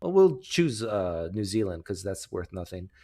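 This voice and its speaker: A man's voice: sits low, sing-song, mellow. A man hosting an open online call, talking casually and joking through a religion debate. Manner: joking, loose, drawn-out talker. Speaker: host of an open online hangout.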